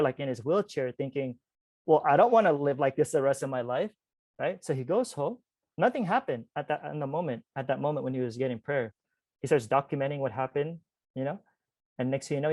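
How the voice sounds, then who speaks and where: A man's voice: medium pitch, no echo. A man of forty telling a personal story as a podcast guest in a casual, chatty way, with frequent asides to listeners. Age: 40s. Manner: chatty, animated, many "like" and "you guys" asides. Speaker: podcast guest, spiritual teacher.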